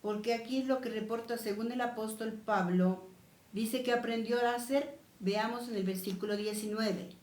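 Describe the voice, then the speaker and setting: A woman's voice: on the high side, steady tone, moderate pace, darkish tone. Lady preacher giving a sermon, repeats stuff for emphasis, roomy echoey church sound. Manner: emphatic, repeats key phrases.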